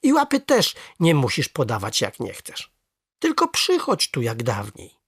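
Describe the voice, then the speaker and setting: A storyteller voicing an excited little boy calling for his grandfather in a children's story. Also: a little slow, slightly rough, dry recording, studio quality, exaggerated voice. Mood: sheepish. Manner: high, loud cries.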